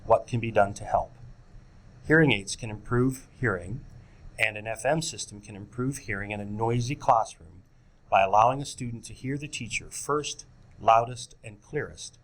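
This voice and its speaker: A man's voice: lowish voice, moderate pace, a bit bright. A man giving scripted instructional narration for teachers, speaking directly to them as folks. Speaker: presenter of a teacher training video.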